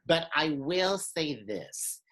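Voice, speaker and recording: A man's voice: fairly high pitch, very animated, slow, crowd noise. A man co-hosting a casual reaction chat, talking in a loose, rambling way full of ums and you-knows. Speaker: co-host of a reaction show.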